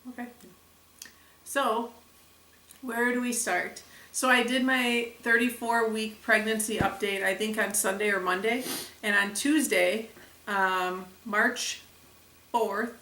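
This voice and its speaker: A young woman vlogger chatting casually to the camera, retelling events with lively acted quotes. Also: fairly high pitch, takes it slowly, long pauses, distant mic. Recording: echoey room, a bit off mic.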